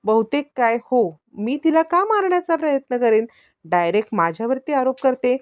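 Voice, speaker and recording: A woman's voice: lively intonation, moderate pace, clear, resonant tone, no echo, lo-fi sound. A woman voicing a scheming young woman who feigns innocence, whiny and pleading. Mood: pleading fake. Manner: whiny, pleading, high-pitched.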